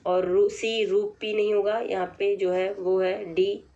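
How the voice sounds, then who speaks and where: A woman teacher going through a practice test, reading out each option and then explaining the right answer in a plain, measured way. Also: mid-range voice, little pitch movement, gravelly, warm tone, lo-fi sound. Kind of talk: exam practice lesson.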